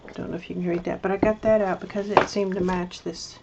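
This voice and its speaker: A crafting vlogger with a mouth full of candy shows off her project in a casual show-and-tell, chatty and hesitant, rambling and often restarting sentences. Her lowish, creaky voice is fast and fairly even in intonation, with dull audio and a noisy background.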